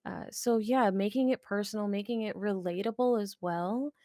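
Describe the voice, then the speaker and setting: A woman's voice: mid-range voice, normal speed, dry recording, studio quality. A woman streamer answering interview questions in an earnest, chatty way. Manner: earnest, many fillers and restarts, warm emphasis. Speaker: streamer and charity fundraiser.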